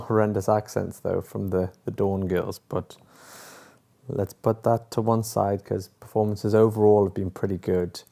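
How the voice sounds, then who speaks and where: Man vlogger, low and mellow voice, loose and jokey, fillers everywhere. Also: creaky. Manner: chatty and joking, with many fillers. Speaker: TV episode reviewer. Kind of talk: casual chat to camera.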